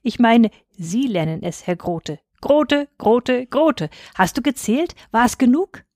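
A woman reading aloud who voices a shy, gently teasing young bride in a storybook. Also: fairly high pitch, expressive, slow, no room sound, studio quality, pitched above the performer's own voice. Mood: bashful.

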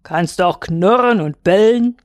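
A woman voicing a gruff old male chained wolfhound who growls and mocks in a storybook reading. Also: unhurried, no echo, natural voice. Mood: mocking. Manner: growling, grim, booming.

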